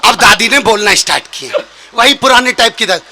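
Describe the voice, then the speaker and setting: A young man telling a comic story on stage as a comic poet, animated and shouting out his punchlines. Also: very high voice, fairly quick, a little hiss or hum. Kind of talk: live humorous storytelling on stage. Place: stage at a poetry gathering.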